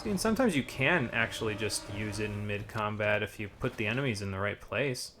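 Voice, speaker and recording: A man's voice: on the low side, animated, a little fast, background noise. A man giving casual, rambling live commentary on a video game with wry asides.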